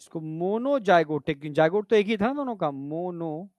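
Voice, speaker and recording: A man's voice: sits high, expressive, normal speed, a little mellow, dry recording. A man teaching biology in a classroom lecture, explaining step by step and often checking that students understand. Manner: addresses students as "bhai" and "beta".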